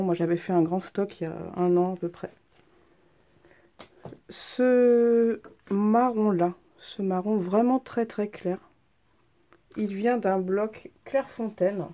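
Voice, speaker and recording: A woman speaks at medium pitch in a mellow voice. A craft vlogger with a stuffy head cold, she walks through her handmade cards in a casual show-and-tell, chatty but hesitant and full of ums.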